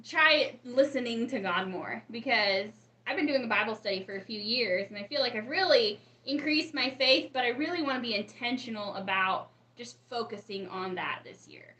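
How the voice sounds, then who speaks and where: A woman's voice: fairly high pitch, moderate pace, sharp tone. A woman co-hosting a casual live stream, chatting and greeting viewers from the chat. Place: room in a home. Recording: roomy echo.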